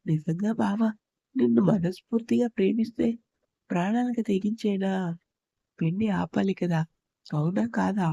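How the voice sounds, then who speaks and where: A woman's voice: mid-range voice, normal speed, vocal fry, long pauses, dark tone, husky, no echo, muffled recording. A woman narrator voicing a stern, brooding young husband who speaks curtly in a storybook. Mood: firm. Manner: curt and firm.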